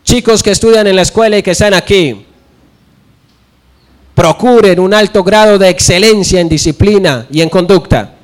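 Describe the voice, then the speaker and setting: A man's voice: sits high, moderate pace. A young man preaching a sermon, telling stories and acting out the dialogue.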